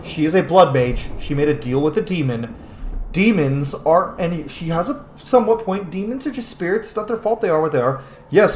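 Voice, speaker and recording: A man hosting a gaming channel swears often as he delivers blunt, emphatic, opinionated let's-play rambling. His pitch is fairly high, and the room sounds echoey.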